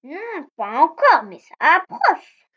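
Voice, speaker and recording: Woman doing a tiny, sad, high-voiced Father Christmas. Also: wildly swooping pitch, exaggerated voice. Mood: plaintive. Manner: soft, plaintive and slow. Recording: dull lo-fi recording.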